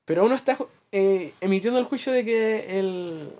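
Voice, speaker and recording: Animated Chilean man telling stories. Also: sits high, moderate pace. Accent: Chilean Spanish. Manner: animated storyteller, acts out anecdotes, laughs at his own jokes. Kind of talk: casual chat.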